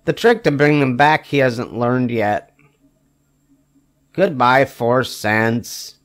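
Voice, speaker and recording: An older man with a medium-pitched voice reads a children's picture book aloud with plenty of expression, leaning on emphatic phrasing and stretching out wry punchlines.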